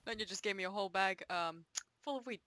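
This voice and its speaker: Giggly bright-voiced woman gaming. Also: medium pitch, fast talker. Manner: giggly, laughs often. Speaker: online game player. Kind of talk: casual voice chat.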